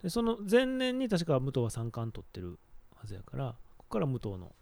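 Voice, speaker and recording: A man with a Kansai accent hosting a relaxed chat and leading the talk. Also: mid-range voice, fairly quick, vocal fry, no echo. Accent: Kansai Japanese. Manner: leads the talk, relaxed, laughs often. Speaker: podcast host. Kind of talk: casual chat.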